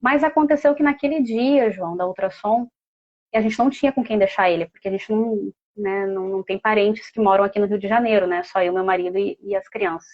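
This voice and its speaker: A woman's voice: medium pitch, fairly quick, darkish tone, dull audio. A mother speaking as a guest, telling a personal story in a heartfelt, casual way with many fillers.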